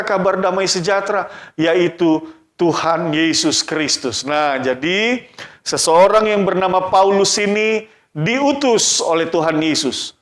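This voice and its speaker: Animated high-voiced pastor in echoey church. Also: male voice. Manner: animated, questioning the children, acting out their lines. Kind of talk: children's sermon.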